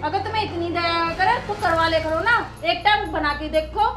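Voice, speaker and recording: A woman's voice: very high voice, normal speed, music in the background. A woman playing a resentful young daughter-in-law who complains sharply. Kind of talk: rural film drama acting.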